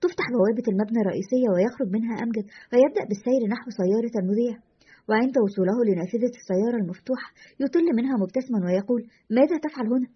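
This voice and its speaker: Fast, husky woman reading a story. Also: on the high side, highs cut off. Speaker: narrator. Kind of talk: scripted story narration.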